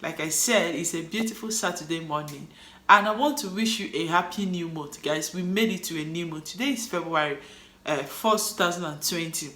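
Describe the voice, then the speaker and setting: A woman's voice: lowish voice, fairly quick, sharp tone. A woman with a Nigerian accent, chatting to camera as a cleaning vlogger, upbeat and encouraging her viewers. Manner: upbeat and encouraging, motivational sign-off. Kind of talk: casual chat to camera. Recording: echoey room.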